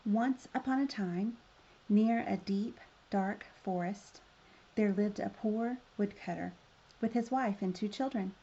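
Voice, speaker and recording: A woman's voice: mid-range voice, steady tone, unhurried, dark tone, husky, lo-fi sound. A woman reading a children's story aloud as a storyteller, in the manner of a fairy tale opening.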